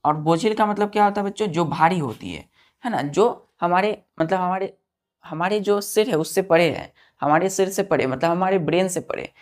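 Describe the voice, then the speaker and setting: A woman's voice: fairly low pitch, expressive, moderate pace. A woman teacher giving a vocabulary lesson, spelling words letter by letter and asking her students questions that she answers herself. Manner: addresses students as children, asks and answers own questions.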